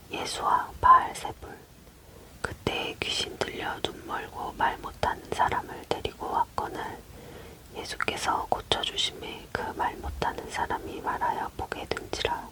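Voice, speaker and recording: A person leaning in to whisper a Bible reading in a breathy, unvoiced ASMR voice, close to the microphone. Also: poor audio. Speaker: Bible reader.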